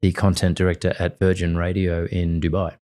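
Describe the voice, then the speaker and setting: A man with an Australian accent, a radio host and guest, telling animated stories in casual interview chat. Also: low-pitched, fairly quick. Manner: animated storyteller.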